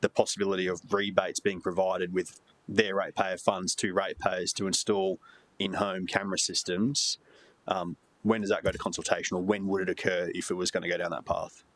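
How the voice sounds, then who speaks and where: An Australian man speaking as a councillor in a committee meeting, making measured points to the chair. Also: low-pitched, little pitch movement.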